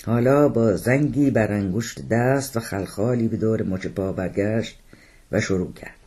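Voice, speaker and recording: A man, the author himself, reading his own novel aloud in a steady, measured storytelling manner. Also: on the low side, breathy edge. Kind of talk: audiobook narration.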